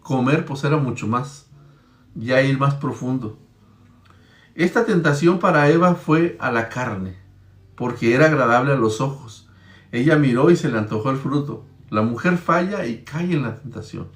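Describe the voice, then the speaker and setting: Guy preaching, chatty bible storyteller, middle-pitched voice, echoey room. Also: lively intonation, normal speed. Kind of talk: Bible-teaching sermon.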